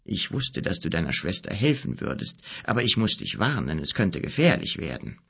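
In an audiobook, a man voices a solemn, gentle bearded wizard, speaking low and slowly in a gravelly, husky hush. His pitch rises and falls widely, giving a very animated, full character voice.

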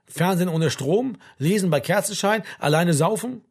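A man's voice: high-pitched, expressive, normal speed, darkish tone, slightly rough, exaggerated voice. A man reading a novel aloud, voicing a wry, provocative man.

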